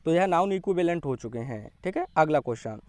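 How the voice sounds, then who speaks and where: High-voiced male teacher. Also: lively intonation, darkish tone, no echo. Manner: slow and drawn out when dictating English sentences, quizzing students with questions. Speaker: English teacher. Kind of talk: classroom grammar lesson.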